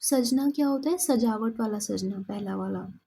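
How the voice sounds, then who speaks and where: A woman teaching an exam-prep lesson, explaining terms and reading verse examples aloud with pauses. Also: a little high, gravelly, mellow, husky, rough recording.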